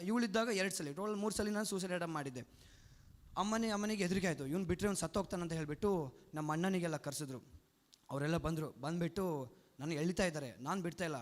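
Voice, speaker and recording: Fast-talking young man in an echoing hall. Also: fairly high pitch. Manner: earnest, emotional storytelling with restarts. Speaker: testimony speaker at a church retreat. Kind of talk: personal testimony. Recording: long hall reverb.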